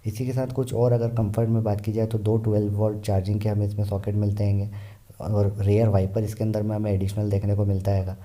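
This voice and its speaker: A man's voice: on the low side, monotone, brisk, warm tone. A man explaining car variants in a car review, steadily listing features one by one.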